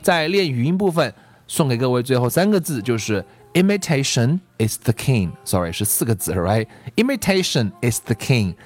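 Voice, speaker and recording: A man teaching English pronunciation in a casual podcast lesson, patiently explaining and repeating example phrases slowly. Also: medium pitch, sing-song.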